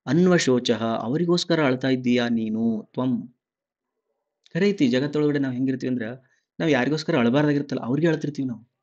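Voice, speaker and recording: A man teaches scripture verse by verse. He chants each verse slowly, then explains it in relaxed, chatty dialect at a mid pitch. The recording sounds a little dull and lo-fi. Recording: slightly dull lo-fi audio.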